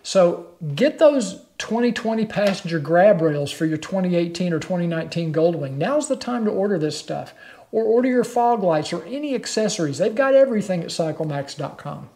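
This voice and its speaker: A man's voice: high voice, expressive, normal speed, dark tone. An older man talking straight to the camera from his living room, hosting a motorcycle channel in a plain-spoken, persuasive way. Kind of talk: direct-to-camera vlog.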